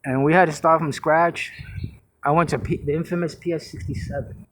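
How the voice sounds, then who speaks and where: A man from Puerto Rico vlogging on the street, telling animated stories in casual street talk into a gimbal camera. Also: a little high, brisk. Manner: animated storytelling, New York street talk. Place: outdoors on city streets. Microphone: handheld camera on a gimbal. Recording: noisy street with traffic. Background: street traffic noise.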